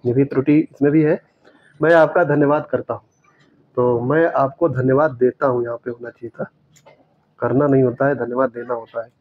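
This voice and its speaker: Man slowly correcting exam answers. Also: mid-range voice, dry recording. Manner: explains step by step, repeats corrected words slowly. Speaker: teacher. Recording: dry, dull lo-fi sound.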